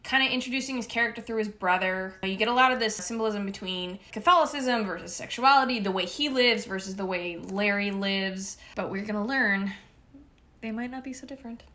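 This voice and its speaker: A woman's voice: medium pitch, a little fast, pushed and bright. A woman co-hosting a casual podcast chat, gushing about films and sharing trivia. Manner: enthusiastic, gushing film trivia. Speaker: podcast co-host.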